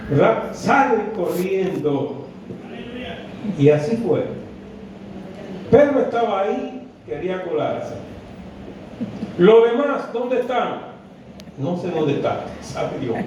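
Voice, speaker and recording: A man with a Dominican Spanish accent preaching a sermon, telling a Bible story with lively acted-out dialogue, recorded from a distance. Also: slight background noise. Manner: animated storytelling, acting out dialogue. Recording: distant, echoey, dull low-fi.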